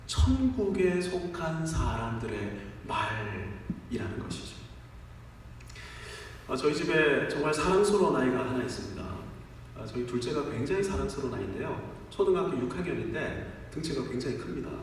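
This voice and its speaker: A man's voice: mid-range voice, expressive, quick pace, slight background noise. A middle-aged man preaching a sermon as pastor, leaning on rhetorical questions to the congregation and a rhythmic, listing cadence. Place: large church sanctuary. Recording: echoey church hall from far off.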